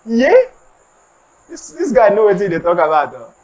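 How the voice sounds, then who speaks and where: A Nigerian preacher delivers a motivational sermon, sliding between English and Pidgin asides. The voice swoops through a wide, lively pitch range as he acts out comic street scenes. He keeps calling on the congregation to repeat lines back to him. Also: moderate pace, rough recording. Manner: animated, acts out comic street scenes, calls for audience response. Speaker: preacher giving a motivational talk.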